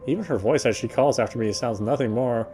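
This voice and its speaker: Game music plays under a man streaming a game as he reads the story narration aloud, now and then fixing his mistakes. His medium-pitched voice is dark in tone and quick, and there's a little hiss or hum in the audio.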